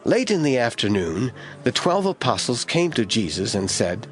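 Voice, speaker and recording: A man narrates scripted Bible passages as an expressive storyteller for an audio drama, speaking at medium pitch and a moderate pace.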